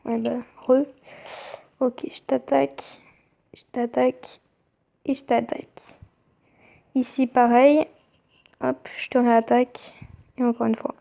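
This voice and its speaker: A young woman chatting casually as she plays a mobile game, reading its text aloud and thinking out loud. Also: fairly high pitch, little pitch movement, unhurried, vocal fry, pauses often. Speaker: let's play gamer. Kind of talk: casual gameplay commentary. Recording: tinny phone-like sound.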